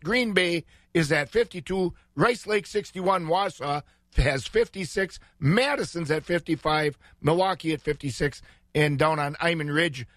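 A man's voice: a little high, fairly bright tone, no room sound, clean studio sound. An American man hosting morning radio, chatting casually through the local weather in a folksy way.

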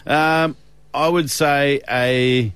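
Easygoing Australian radio co-host. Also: male voice, mid-range voice, fairly even intonation, extremely slow, fairly bright tone, clear, resonant tone, no room sound. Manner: easygoing, hesitant with fillers. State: a little tired. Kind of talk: casual radio banter. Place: radio studio.

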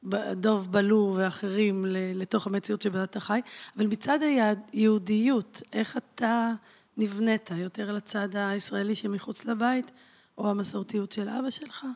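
A woman's voice: mid-range voice, steady tone, a little mellow. A woman hosting an interview, asking curious, probing questions. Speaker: podcast host and interviewer.

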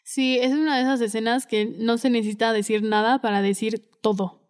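A woman's voice: a little high, fairly even intonation, a little fast, clean tone. A woman co-hosting a podcast in casual film discussion, speaking earnestly and with feeling. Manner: earnest and emotive, quotes dialogue expressively. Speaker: podcast co-host.

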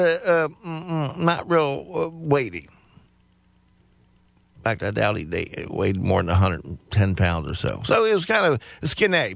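A man's voice: a little high, a bit bright, no room sound. A man telling a rambling comic story, hesitant and full of self-praise.

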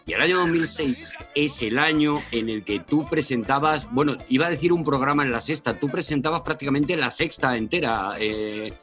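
A male host with a bright, forward voice who talks fast and playfully, stumbling as he goes. Faint music sits behind him. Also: mid-range voice. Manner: quick, playful, stumbles on words. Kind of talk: casual chat.

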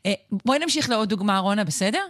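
A woman's voice: mid-range voice, expressive, fairly bright tone. A woman hosting a radio interview, casual, chatty and enthusiastic with her guest. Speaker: radio show host.

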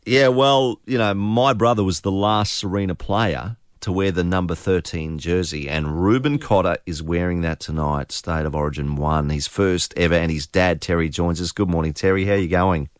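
A male breakfast radio host with a Queensland accent. His voice sits low and sounds close and dry, and he chats casually with matey Australian slang. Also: moderate pace, hardly any pauses, clean tone, dry recording. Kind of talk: casual radio interview chat.

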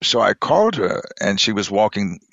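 A middle-aged man with a low, gravelly voice tells a personal faith story with deep feeling, often sinking to a hushed, near-whispered tone. The sound is dry and a little muffled. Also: very animated, normal speed, no room sound. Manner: emotional, intimate storytelling, dropping to near whispers. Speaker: bishop and chairman.

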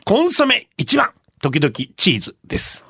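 A man co-hosting a radio show, reading listener messages and trading mock-gruff banter. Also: high voice, wildly swooping pitch, normal speed, fairly bright tone, no echo, studio quality. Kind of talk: casual radio chat.

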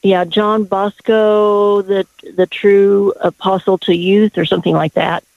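A woman calling in to a radio show over a phone line, chatting casually with the host in a gravelly voice. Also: mid-range voice, level tone, unhurried, no room sound. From Denver area. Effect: phone line call-in audio. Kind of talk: casual chat.

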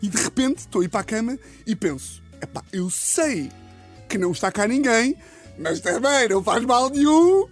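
A man with a European Portuguese accent, telling a comic story as a podcast host, animated and laughing often. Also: normal speed, soft background music. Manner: animated, laughs often, slips into high-pitched impressions. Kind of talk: comedic storytelling.

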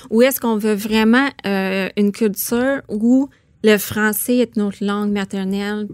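A woman's voice: mid-range voice, steady tone, unhurried, a little mellow, clear, resonant tone, no room sound, clean studio sound. A woman from Saskatchewan, a guest author in a radio interview, talking thoughtfully with many hesitations. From Saskatchewan, Canada.

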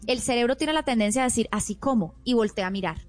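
A woman's voice: on the high side, quick pace, soft background music. A woman parenting expert explaining in a teaching manner, acting out example phrases a parent might say. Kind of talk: explanatory podcast talk.

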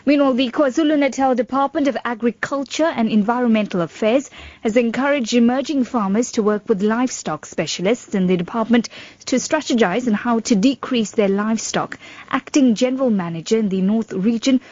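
A woman's voice: on the high side, a little fast, a little mellow, dry recording, dull audio. A South African woman presenting a scripted radio news bulletin. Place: radio studio.

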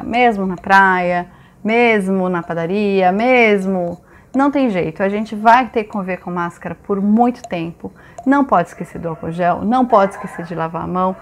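A woman with a Brazilian accent giving practical advice in a conversational way. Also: medium pitch.

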